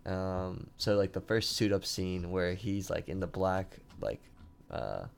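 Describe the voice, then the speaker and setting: A man's voice: low-pitched, expressive, a little slow, creaky, clear, resonant tone. A man co-hosting a podcast in casual chat, rambling with many fillers. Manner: rambling, heavy use of "like". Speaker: podcast co-host.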